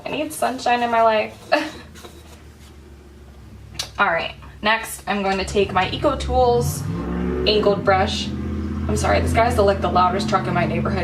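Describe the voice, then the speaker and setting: A young woman, a beauty vlogger, chats casually at home while doing a makeup tutorial, filling her talk with "like" and "um." Her voice is medium-pitched, caught on a distant mic against a noisy background.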